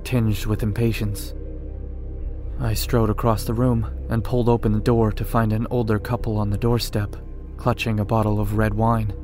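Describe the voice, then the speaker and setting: A man narrates a horror story in the first person, measured and unhurried. His voice sits low and barely moves in pitch, with soft music underneath. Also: little pitch movement.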